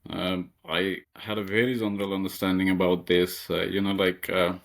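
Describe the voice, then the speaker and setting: A young man from Nepal answers interview questions as a master's student. His voice is low. He hesitates often and fills his pauses while he thinks. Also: level tone, vocal fry. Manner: hesitant, many fillers and restarts.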